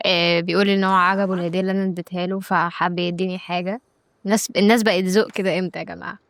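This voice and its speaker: A woman's voice: lowish voice, flat delivery, racing, clean tone, no room sound. A woman with an Egyptian accent giving casual let's-play commentary, chatty and exclaiming, bantering with game characters. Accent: Egyptian Arabic. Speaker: gaming YouTuber.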